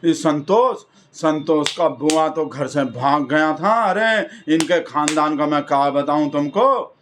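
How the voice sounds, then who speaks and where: A man mimicking a pompous neighborhood man who makes a slow, declamatory flag-day speech full of slanderous taunts. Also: a little high, fairly bright tone, a little hiss or hum.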